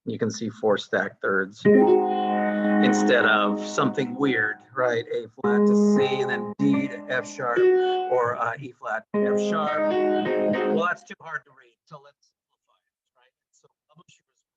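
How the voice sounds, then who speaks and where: A man's voice: mid-range voice, unhurried. A male music teacher giving a classroom lecture, explaining as he goes with fillers and self-corrections. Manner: explanatory, thinking aloud with fillers and asides. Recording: dull lo-fi sound with loud guitar and instrument music.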